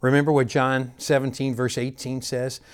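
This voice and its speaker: A man's voice: mid-range voice, little pitch movement, normal speed, clear, resonant tone. Male preacher, earnest sermon delivery, builds emphasis through repetition.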